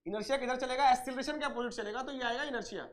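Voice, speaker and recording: A man's voice: very high-pitched, racing. A man teaching an engineering exam-prep class. He asks questions and answers them himself, repeats points, calls students dear and brother, and mixes in English technical terms. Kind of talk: online lecture.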